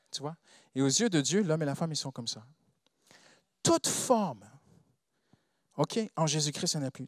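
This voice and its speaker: A man's voice: fairly high pitch, no room sound, clean studio sound. A man preaching a sermon in French with a non-native accent, often asking the congregation questions. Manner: animated, asks the congregation rhetorical questions.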